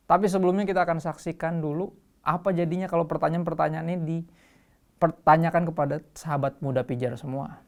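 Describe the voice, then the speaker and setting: A man's voice: fairly high pitch, fairly quick. Easygoing man teaching scripture. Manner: relaxed, conversational, explains scripture verse by verse. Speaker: host. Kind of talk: casual Bible teaching.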